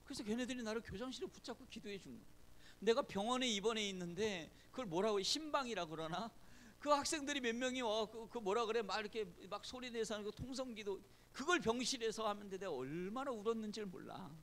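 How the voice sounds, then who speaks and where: A man's voice: sits high, lively intonation, fast, a bit bright, pitched above the performer's own voice. A man voicing an elderly retired male school principal who talks in a chatty, boastful and informal way. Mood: grateful.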